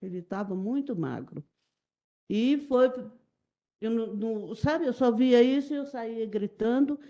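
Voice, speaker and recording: A middle-aged Brazilian woman giving halting, repetitive, emotional testimony as a witness in a courtroom. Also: on the high side, expressive, dark tone. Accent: Brazilian Portuguese. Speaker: witness testifying in a jury trial.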